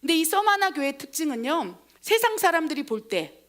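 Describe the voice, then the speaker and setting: A woman missionary pastor preaching a sermon, retelling scripture in a dramatic, animated way. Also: high-pitched, a little fast. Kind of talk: Korean sermon with acted retelling.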